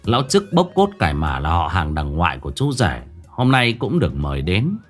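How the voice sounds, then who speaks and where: A man's voice: low-pitched, wildly swooping pitch, fairly quick, faint music behind. A man narrating a ghost story in a colloquial, vivid way, with crude asides.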